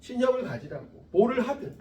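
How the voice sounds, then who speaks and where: A very high-pitched, brisk physics tutor in his thirties lectures with animated jokes, casual profanity and chatter with his class. He is far from the mic, and the echoey classroom audio is dull with a little hiss or hum.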